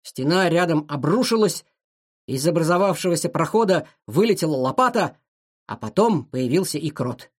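A storyteller reading a children's adventure aloud, with a voice that rises and falls in lively swings. The delivery is expressive and animated, pitched in a middle register. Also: moderate pace. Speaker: narrator. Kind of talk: children's audiobook narration.

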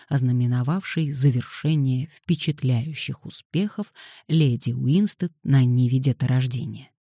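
A woman reading a novel aloud in scripted audiobook narration, measured and wry. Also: low voice, dark tone, husky, dry recording, studio quality.

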